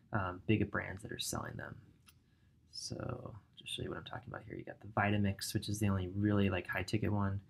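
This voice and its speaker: A man's voice: on the low side, gravelly, a little hiss or hum. A man in his thirties giving a casual screen-share tutorial at a home desk, thinking aloud with frequent ums as he browses. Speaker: ecommerce coach. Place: indoor home office.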